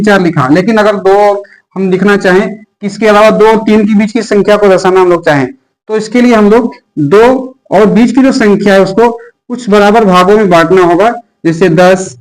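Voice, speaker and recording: A man's voice: sits high, low-quality recording. A male math teacher gives a classroom lesson, asking the class questions and answering them himself, with English number words mixed in.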